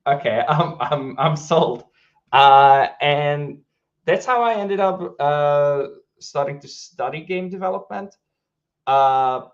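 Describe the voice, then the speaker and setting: Hungarian guy chatting in an interview, lots of uhs and restarts, kinda muffled audio. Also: mid-range voice. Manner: relaxed, rambling with many fillers and restarts. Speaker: game studio co-founder. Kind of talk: casual interview chat.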